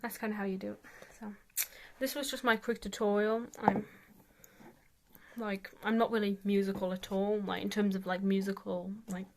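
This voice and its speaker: A woman's voice: medium pitch, little pitch movement, normal speed, darkish tone, slight background noise. A woman giving a casual, rambling tutorial as an amateur vocalist, hesitant and self-deprecating, saying "like" very often.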